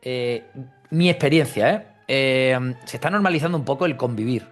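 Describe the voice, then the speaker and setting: On a relaxed football chat podcast, the host, a man with a Spanish accent from Spain, interviews in an informal, chatty way sprinkled with slang. His pitch is medium and his speed normal, with faint music in the background.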